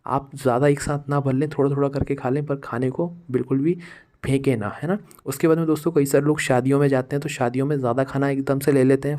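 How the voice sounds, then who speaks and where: A man's voice: mid-range voice, mellow. A man talking casually to his viewers, giving household advice in a repetitive, friendly way and calling them friends. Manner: repetitive, addresses listeners as friends. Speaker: vlogger giving household remedies.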